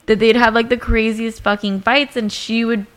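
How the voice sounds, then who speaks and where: A woman's voice: a little high, little pitch movement, normal speed. A young woman co-hosting a podcast, gossiping casually with lots of swearing and laughter. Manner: profane, laughing, celebrity gossip banter. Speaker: podcast co-host. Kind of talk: casual chat. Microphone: podcast mic.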